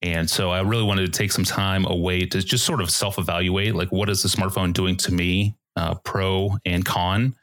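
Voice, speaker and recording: A man speaking as a guest on a podcast interview, relaxed and thoughtful, with many small fillers as he talks. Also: low-pitched, moderate pace, hardly any pauses. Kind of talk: casual interview talk.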